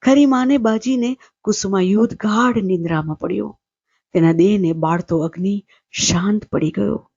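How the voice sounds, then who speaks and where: A woman storyteller reading a literary short story aloud in a measured, steady way. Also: medium pitch, creaky, breathy edge, no echo, muffled recording.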